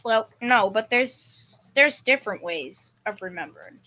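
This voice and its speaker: Acting a good-natured family man in an old-time radio comedy-drama for a school production, a woman speaks with a bright, sharp voice at a medium pitch for a woman, and lively intonation. She sounds earnest, her delivery folksy, plain-spoken and halting, repeating words with a slightly timid edge.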